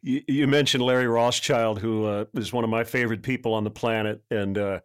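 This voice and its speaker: A man hosting a podcast chats easily and laughs along with his guest. His voice sits at a middle pitch and sounds dry and close, with almost no room around it. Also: fairly even intonation, brisk, clear, resonant tone, no echo. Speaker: podcast host. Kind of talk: casual interview chat.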